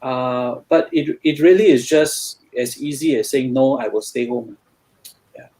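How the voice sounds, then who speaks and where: A man's voice: mid-range voice, a little slow, warm tone. Singaporean man, hesitant tutor talk. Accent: Singaporean English. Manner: hesitant, many fillers and restarts. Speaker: guest tutor. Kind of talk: casual interview chat.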